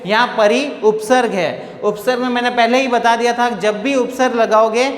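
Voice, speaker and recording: A man's voice: very high voice, fairly even intonation, normal speed. A man teaching a grammar lesson at a board, patiently repeating points and asking questions he answers himself. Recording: echoey room with long reverb.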